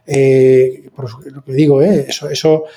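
A man hosting a casual podcast, talking in a chatty, halting way full of fillers and restarts. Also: mid-range voice, level tone, mellow. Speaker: podcast host.

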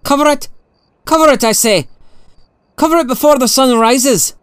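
A man voicing a criminal mastermind professor in a storybook, polite and measured, with cool menace. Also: fairly high pitch, animated, clean tone, dry recording, studio quality, close to an everyday voice. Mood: fearful, urgent.

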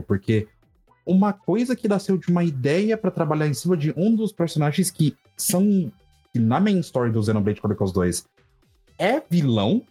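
Man, Brazilian Portuguese accent, average pitch, enthusiastic casual discussion, soft music behind. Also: husky. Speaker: podcast participant. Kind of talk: casual, personal game discussion.

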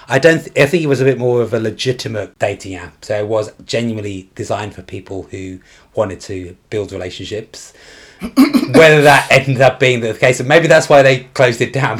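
A British man chatting casually as a podcast co-host, with soft R sounds that come out like w. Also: fairly low pitch. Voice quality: can't pronounce R properly, says w for r. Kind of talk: casual chat.

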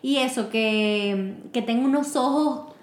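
A young woman in a casual chat, agreeable and quick to affirm. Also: on the high side. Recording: echoey room.

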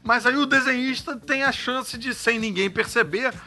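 A man, an actor and voice actor, chatting casually and telling animated stories with quick asides. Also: extremely high pitch. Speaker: actor and voice actor guest. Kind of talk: casual conversation.

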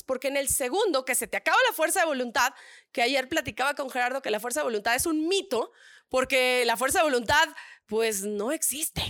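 A woman from northern Mexico with a northern Mexican accent, giving an expressive motivational talk and speaking straight to her audience. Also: high-pitched, no room sound, clean studio sound. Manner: expressive, acts out inner voices with shifts of tone; addresses audience directly with frequent asides.

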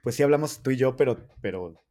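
A man's voice: medium pitch, lively intonation, a little fast, warm tone, slight background noise. A young man, co-hosting a casual podcast, playful and rambling with hesitant restarts. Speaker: podcast co-host. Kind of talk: casual chat.

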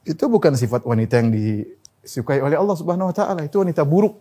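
An Islamic preacher, a man with a husky voice, delivers a sermon full of jokes and laughter. He stretches out Arabic phrases slowly and raises his voice high and loud when urging his audience.

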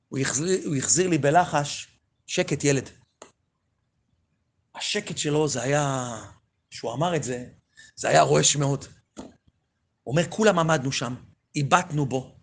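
A rabbi telling a story in a sermon, swinging from loud pleading to hushed near-whispers. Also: male voice, high voice.

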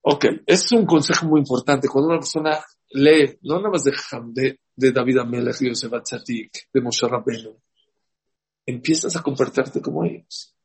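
A man with a husky, medium-pitched voice teaches a rabbi's Torah class at a moderate pace, captured on a rough recording. The lively religious lesson is full of stories, and he puts questions to the class.

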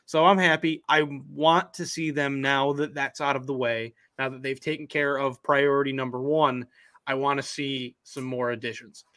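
A young man co-hosting a casual sports podcast, easygoing and opinionated, talking in quick bursts. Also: medium pitch, fairly even intonation, a bit bright. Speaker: podcast co-host.

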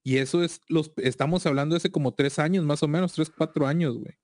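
A man's voice: fairly high pitch, steady tone, quick pace, a little mellow, dry recording, studio quality. A Mexican man chatting casually in laddish, profane bro slang. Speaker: video game collector. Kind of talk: casual chat.

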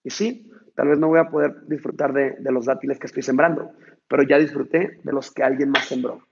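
A humble old ranch hand past sixty, put on by a man telling a story. He speaks with calm respect, his voice husky and gravelly. The recording is dull and lo-fi. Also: medium pitch, brisk, voice pushed down. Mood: humble, wise. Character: humble old male farmhand, over sixty.

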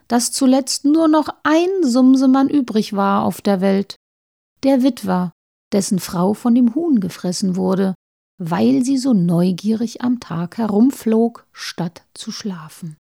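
Woman storyteller reading a children's tale, mellow and a bit gravelly, expressive, dips into whispers. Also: medium pitch. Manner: expressive, sometimes dropping to a whisper.

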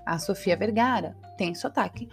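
A Brazilian English teacher with a Brazilian Portuguese accent hosts a casual English-lesson podcast, speaking in a mid-range voice at a moderate pace over soft background music. She's chatty and sprinkles in checks like "tá?" and "entendeu?"

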